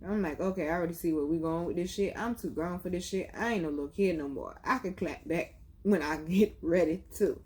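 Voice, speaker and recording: Blunt, profane woman with a low voice. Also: a little fast. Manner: blunt, profane, animated storytelling. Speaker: vlogger. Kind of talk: casual storytelling vlog.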